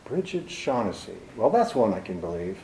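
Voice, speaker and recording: A man's voice: on the low side, very animated, moderate pace, dark tone. A man playing a cynical, tough private detective with a wry, clipped, world-weary delivery, in 1940s radio drama style, in a roomy recording.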